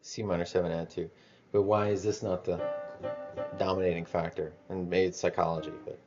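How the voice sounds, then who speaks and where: A man rambling in a casual monologue about music theory, halting and restarting as he thinks aloud. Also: sits low, flat delivery, lo-fi sound. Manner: musing, halting, many restarts and swearing.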